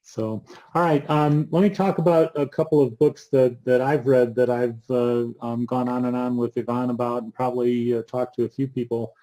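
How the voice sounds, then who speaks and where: A man co-hosting a casual book show, halting and full of ums, with dry asides. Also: mid-range voice, steady tone, warm tone, poor audio. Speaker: co-host. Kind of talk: casual chat about books.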